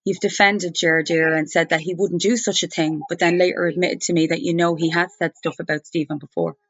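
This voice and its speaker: A woman speaking over the phone, challenging someone in an insistent, deliberate, argumentative way. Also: lowish voice, steady tone. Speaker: complainant challenging a journalist. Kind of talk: confrontational phone conversation. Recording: muffled, roomy recorded phone call.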